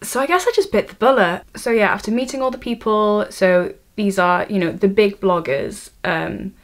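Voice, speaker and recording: An eighteen-year-old Welsh woman from Wales, a student vlogger, speaks at a moderate pace in a mid-range voice, addressing a camera on a tripod in her bedroom. Her casual vlog comes across as nervous and self-deprecating, and she keeps stopping and starting over.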